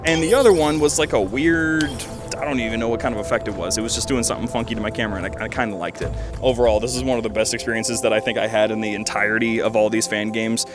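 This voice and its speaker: A man in his twenties hosts a video reviewing fan games, rambling casually and enthusiastically with lots of jokey asides. His voice is on the low side and quick, heard over music.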